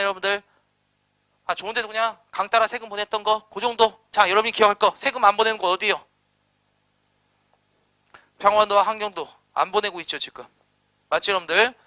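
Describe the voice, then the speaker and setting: A man giving an exam-prep history lecture, constantly quizzing students with quick rhetorical questions and blunt, slangy asides. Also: high-pitched, sharp tone, no echo.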